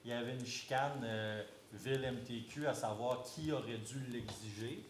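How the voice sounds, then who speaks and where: A man's voice: medium pitch, moderate pace. A man with a Québécois accent chairs a council meeting as mayor. He explains in a loose, conversational way, full of restarts. The room is echoey, with a faint background hum and a mid-range voice. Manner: conversational, many fillers and restarts. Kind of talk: explaining and answering at a public meeting. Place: council chamber.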